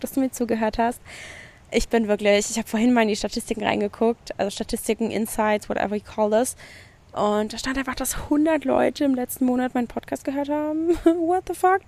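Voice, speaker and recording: A woman's voice: fairly high pitch, vocal fry, dark tone. A woman hosting her own podcast, giving an effusive spiritual pep talk, swearing casually and mixing in English phrases. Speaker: podcast host. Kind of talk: spiritual motivational monologue. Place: outdoors by the sea at night.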